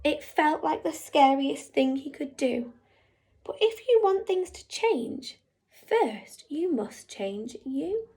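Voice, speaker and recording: A woman teacher reads a rhyming picture book aloud in a high, bright voice. She takes her time and lets her pitch rise and fall freely, leaning into the rhythm of the rhymes. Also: takes it slowly. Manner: animated, rhythmic rhyming delivery. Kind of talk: expressive picture-book reading.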